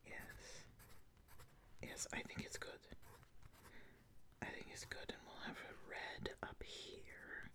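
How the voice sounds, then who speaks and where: A woman's voice: takes it slowly, long pauses, close to an everyday voice. A woman in a whispered role-play as a fantasy tailor, musing hesitantly as she talks a client through a garment design. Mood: musing, approving.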